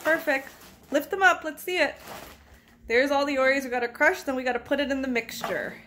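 A woman's voice: high-pitched, steady tone, fairly quick, bright, forceful tone, slight background noise. A woman filming and narrating a home cooking video in a kitchen, giving encouraging step-by-step guidance and praise. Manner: encouraging, repeats praise between steps.

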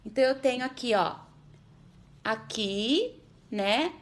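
A woman with a Brazilian Portuguese accent teaching a remote literacy lesson to first graders, speaking slowly and patiently, sounding out syllables and checking in with the children often. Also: on the high side, expressive. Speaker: primary school teacher.

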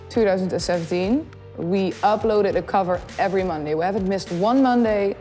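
A young Dutch woman, a YouTube singer and host from the Netherlands, chats casually to camera in a small studio with a blue backdrop. Her mid-range voice is bubbly and giggly as she tells animated stories, picked up by a desk condenser mic with a big-room sound.

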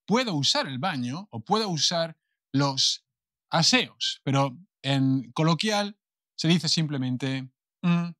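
A man from Spain with a Castilian accent teaching a beginner Spanish lesson, modelling phrases slowly and then rushing through his asides. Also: fairly high pitch, a bit bright, no room sound, clean studio sound.

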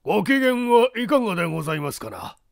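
Man putting on a gravelly old thief's voice, mockingly polite, lilting and lively, dry close sound. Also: sits high, fast talker, no echo, pitched above the performer's own voice, exaggerated voice. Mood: mocking politeness. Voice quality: hoarse, gravelly. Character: sly phantom thief with a hoarse old man's voice. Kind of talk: audiobook character voice.

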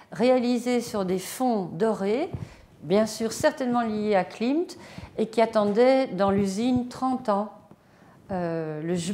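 Touring her own exhibition in an echoing gallery with faint noise, a woman from Belgium speaks in a warm, mid-range voice. Her unplanned walkthrough is reflective and halting, with many fillers and restarts.

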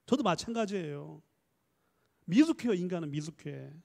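A man giving a lively church lecture on counseling, coaxing the audience to read aloud and answer, switching between polite and casual speech. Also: high voice, gravelly, in a large hall. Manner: mixes polite and casual speech, quick asides. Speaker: professor leading a church training lecture.

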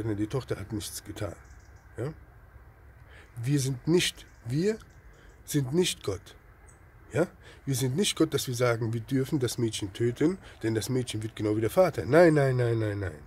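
Male preacher, mid-pitched, fervent rant, keeps prodding with "ja?", loud-soft swings, faint background hiss. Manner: rhetorical questions with constant tag "ja?"; swings between loud outbursts and low murmurs. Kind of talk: impassioned religious rant.

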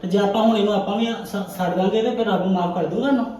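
A man playing a patient, kindly husband and elder brother in a family drama, speaking in a calm, reassuring way. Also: high-pitched, fast, recorded from a distance, natural voice. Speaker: actor in a family web drama. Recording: echoey room, faint music.

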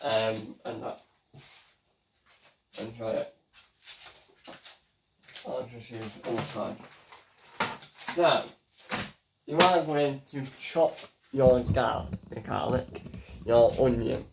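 A young man hosting a casual home cooking vlog, chatty and halting as he talks while cooking in a small kitchen. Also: mid-range voice, background noise. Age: young adult. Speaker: home cooking show host. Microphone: fixed camera across the room. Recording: echoey kitchen, voice from far off.

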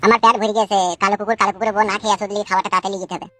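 A woman voicing a young village man, brisk and earnest in a comedy skit. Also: mid-range voice, flat delivery, a bit bright, slight background noise, voice pushed down, lightly acted. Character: young village man, vengeful yet doting husband.

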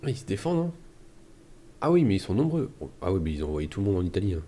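A man hosting a strategy-game let's play, thinking aloud in trailing mutters and soft asides. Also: low-pitched, very animated, fast talker, slight background noise. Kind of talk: gameplay commentary.

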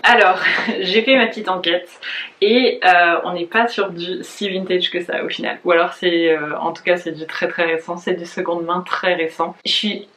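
A young woman from France, chatting candidly in a casual try-on vlog, laughing often and filling pauses. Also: on the low side, steady tone, fairly bright tone. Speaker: fashion vlogger. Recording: echoey room, faint noise.

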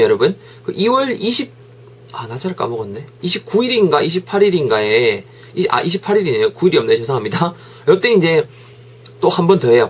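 Husky-voiced man with a Gyeongsang accent. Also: medium pitch. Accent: Gyeongsang Korean. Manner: jokey, chatty, drills pronunciation by repeating words. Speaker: English teacher. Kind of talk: casual lecture. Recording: podcast lecture audio.

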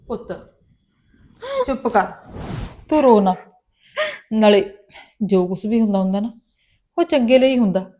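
A caring, traditional mother, played by a woman, soothes her daughter in a family drama scene. She speaks in a mid-pitched, coaxing voice and keeps calling her child softly. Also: a little slow, pauses often, natural voice. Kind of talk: Punjabi family drama dialogue.

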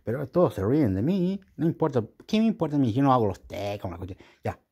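A man's voice: medium pitch, sing-song, fast talker, darkish tone, slightly rough. A man with a Chilean accent vlogging in a casual, rambling monologue, repeating himself and swearing casually. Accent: Chilean Spanish.

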